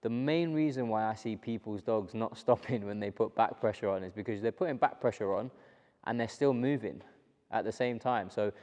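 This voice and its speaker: A man working as a dog trainer, explaining his method to the camera in a calm, steady way and repeating the key points. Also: on the low side. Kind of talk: instructional talk to camera.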